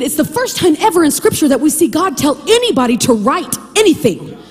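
Animated woman preaching in a reverberant hall. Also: high voice. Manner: animated, preachy, shouts and laughs for emphasis. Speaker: podcast host and Bible teacher. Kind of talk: preaching devotional podcast.

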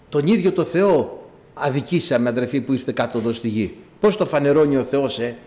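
A man preaching a sermon, telling stories and addressing the congregation directly in an animated way. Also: fairly high pitch. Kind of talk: sermon with storytelling.

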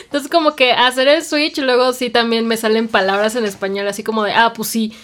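A woman's voice: a little high, fairly even intonation, fairly quick, fairly bright tone, a little hiss or hum. A Mexican woman chatting casually and acting out past conversations in a Mexican accent. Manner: chatty, acts out quoted exchanges. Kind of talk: casual chat.

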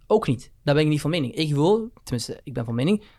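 Young man, rapid opinionated talk, casual slang with English mixed in. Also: on the high side, sing-song, warm tone. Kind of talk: casual discussion.

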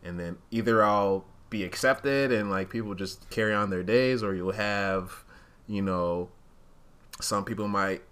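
Co-hosting a podcast, a man born in Uganda and raised in Rwandan culture reasons through his points out loud, casual and candid, with frequent hedging. He has a lowish, fairly bright voice and a measured pace.

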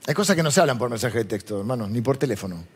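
Man, Rioplatense accent, preacher, chatty sermon, asks the audience, raspy tone. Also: medium pitch, expressive, very fast. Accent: Rioplatense Spanish. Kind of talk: conversational sermon.

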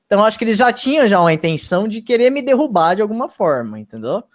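Rapid-fire and very animated, this high-voiced man is captured in clean studio audio with no room sound. As a guest in a laid-back interview, the YouTube reaction channel host recounts his story with slang, emphasis and plenty of swearing. He frequently checks on his listeners with "tá ligado?".

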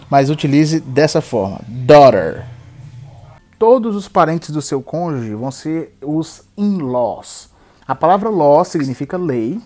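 A man with a Brazilian Portuguese accent teaching English vocabulary, slowly repeating each word for the learner to echo. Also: fairly high pitch, dark tone. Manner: slow, deliberate drilling of words and phrases. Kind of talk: language lesson with repeat-after-me drills.

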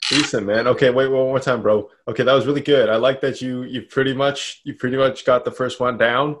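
A man's voice: mid-range voice, fairly even intonation, fairly quick. A man teaching a one-on-one instrument lesson, casual and patient, calling out counts and notes with easy encouragement. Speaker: music teacher. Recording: instrument playing behind the voice.

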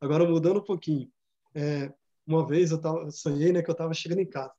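A man's voice: fairly high pitch, steady tone, fast, warm tone. A man earnestly telling a personal story in casual conversation, full of fillers and repeats. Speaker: study group member. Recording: dull lo-fi sound.

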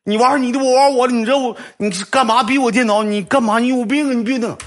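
A man voicing an angry, crying young woman at a net cafe, shrill and wailing. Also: fairly even intonation, quick pace. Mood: shrill, accusing.

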